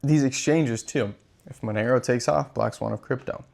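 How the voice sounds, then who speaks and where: This American crypto channel host has a medium-pitched, slightly mellow voice with vocal fry and a normal pace. He delivers an impassioned monologue on his own channel, a profane, repetitive rant.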